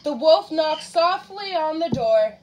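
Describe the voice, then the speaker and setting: A woman's voice: high voice, slow pace, heavy background noise. A woman reading a storybook to a child. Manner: animated, asks the child questions. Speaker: reader. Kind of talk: reading a picture book aloud to a child.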